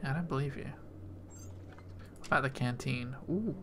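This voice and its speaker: A man's voice: medium pitch, normal speed, background noise. A man commentating as he plays a video game, joking, chatty and talking back to the game. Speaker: game player. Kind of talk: let's play commentary.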